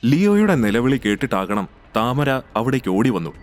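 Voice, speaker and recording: A man narrating a scripted audio story in a steady, measured way. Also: mid-range voice, no room sound.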